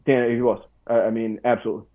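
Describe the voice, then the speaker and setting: A man's voice: medium pitch, little pitch movement, quick pace. A man in his forties, a podcast guest, telling a story in a casual, slangy way. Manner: laid-back, slangy, full of "dude" and "bro". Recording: tinny phone-like line.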